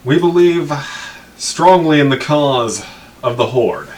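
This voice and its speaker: Casting: man as earnest, well-mannered fantasy adventurer, tabletop game, medium pitch, a little off-mic. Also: animated, slow pace, darkish tone, distant mic. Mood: guarded, earnest. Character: polite, earnest male adventurer and guild member. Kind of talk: tabletop role-play acting. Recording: faint noise, off the microphone.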